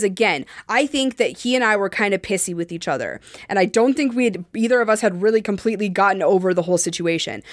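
A young adult woman co-hosting a podcast, telling a candid personal story in an animated way, full of "like" fillers and swearing. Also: medium pitch, no echo, clean studio sound. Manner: frank and animated, with frequent "like" fillers and profanity. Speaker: podcast co-host.

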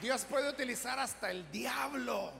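Male preacher, sermon, very high voice, gravelly, dramatic delivery. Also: unhurried, in a large hall, a crowd in the background, noisy background. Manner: dramatic, swings between shouting and soft asides. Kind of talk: sermon with storytelling.

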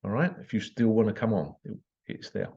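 A man's voice: lowish voice, sing-song, fairly quick, dark tone. A British man hosting a solo podcast, telling a story in a blunt, exasperated way. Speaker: podcast host. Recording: slightly dull lo-fi recording.

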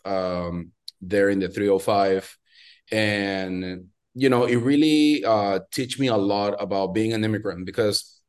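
Venezuelan man, low voice, earnest guest. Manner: earnest, many fillers and restarts. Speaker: podcast guest, watch brand founder. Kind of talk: casual interview chat.

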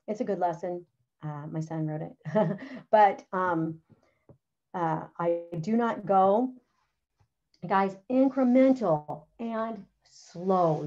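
On a slightly dull, lo-fi recording, a middle-aged teacher with a darkish, mid-range voice leads fellow teachers through a writing lesson as part of presenting her curriculum. Her delivery is hands-on and chatty, with plenty of "okay" and "all right."

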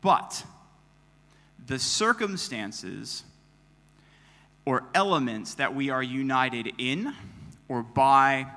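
A man's voice: mid-range voice, animated, very slow, pauses often, bright, forceful tone. A man preaching a conversational sermon in an explanatory way, in a church hall. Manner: explanatory, rhetorical questions. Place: church hall, live before a congregation. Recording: long reverb of a hall.

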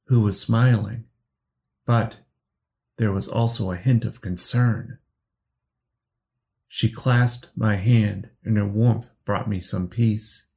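Slow gravelly male horror narrator. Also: lowish voice, darkish tone. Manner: slow, measured storytelling. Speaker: podcast narrator.

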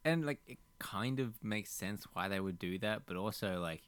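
A man with a fairly low voice, recorded very dry. He co-hosts a podcast in casual chat, blunt and sweary, often sounding incredulous. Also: animated, normal speed, fairly bright tone, clear, resonant tone, no echo. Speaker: podcast co-host.

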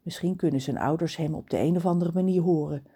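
A woman narrating a children's storybook in an expressive, animated way. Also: deep voice, quick pace, slightly rough. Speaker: audiobook reader.

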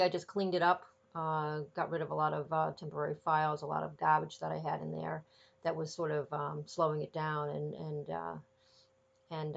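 Stuffed up with a cold, a woman podcaster from Boston, Massachusetts chats her way through a casual solo episode with plenty of ums and uhs. Her low-pitched voice is gravelly and congested, and the sound is muffled.

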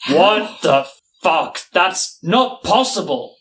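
Tabletop game role: man playing agitated otherworldly mission-giver, emphatic and urgent, unhurried pace. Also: high voice, animated, fairly bright tone, a little hiss or hum, pitched above the performer's own voice, heavily acted. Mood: alarmed. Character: Baramos, agitated supernatural envoy issuing urgent missions. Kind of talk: tabletop role-play acting.

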